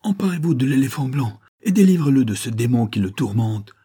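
A man's voice: medium pitch, lively intonation, a little fast, dark tone, husky, voice pushed up. A man voicing a greedy, scheming male monk who gives orders and threatens. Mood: furious. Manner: commanding, threatening.

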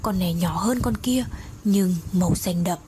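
A woman narrating a first-person horror story in a steady, hushed storytelling manner. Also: on the low side, moderate pace. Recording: noisy audiobook recording.

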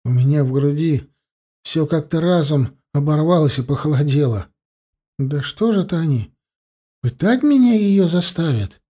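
A man reading first-person fantasy narration for an audiobook in an expressive, lively way. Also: on the high side, moderate pace, slightly rough. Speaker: audiobook reader.

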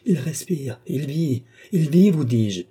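A man's voice: mid-range voice, unhurried, mellow, husky, pitched above the performer's own voice. A man voicing a desperate young nobleman. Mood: urgent. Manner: resolute, then desperate. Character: young nobleman desperately seeking his sister.

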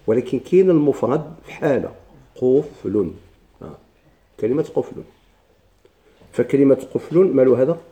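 Very dark-voiced man teaching grammar. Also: medium pitch, expressive, moderate pace, long pauses. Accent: Moroccan Arabic. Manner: explains step by step with rhetorical questions and repetition. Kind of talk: classroom grammar lesson.

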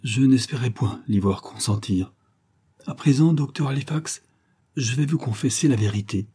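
A man's voice: medium pitch, moderate pace, slightly rough, close to an everyday voice. A man reading an audiobook, voicing a melancholy young woman who is weary of life. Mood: urgent. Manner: quiet, despondent.

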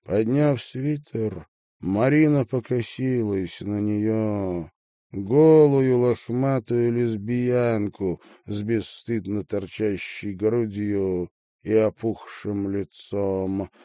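A man narrating an audiobook in a deliberate, measured way. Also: lowish voice, dark tone, no echo, clean studio sound. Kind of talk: audiobook reading.

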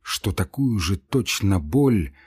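A man reading a classic story aloud as audiobook narration, expressive and at times hushed. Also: low voice, takes it slowly, slightly rough. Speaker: reader.

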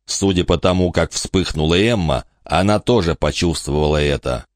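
A man narrating an audiobook in a calm, measured storytelling manner. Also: low-pitched, no room sound, clean studio sound. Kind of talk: scripted narration.

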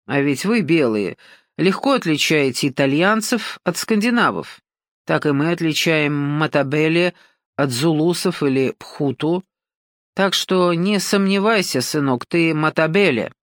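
A sly, domineering older man voiced by a woman narrator leans in with slow, coaxing menace. His speech is drawn-out and patronizing, delivered in a dry, close-miked audiobook sound. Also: sits low, expressive, no room sound. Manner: slow, coaxing, patronizing, keeps saying "son".

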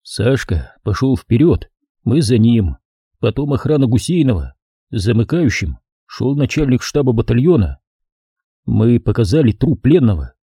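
Dark, husky male audiobook narrator. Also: medium pitch, measured pace, dry recording, studio quality. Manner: steady first-person storytelling. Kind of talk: audiobook reading.

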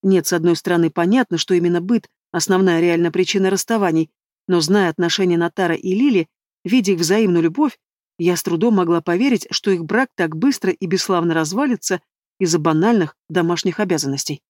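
A woman reading a first-person novel aloud as narrator, in steady, even storytelling. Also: lowish voice, fairly quick, no room sound. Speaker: audiobook narrator. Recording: dry close studio sound.

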